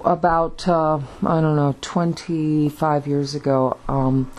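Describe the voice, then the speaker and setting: A woman's voice: deep voice, little pitch movement, a little mellow, poor audio. A woman vlogging alone in a rambling monologue with lots of fillers and restarts, still in her morning voice. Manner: halting, many fillers and restarts. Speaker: video blogger.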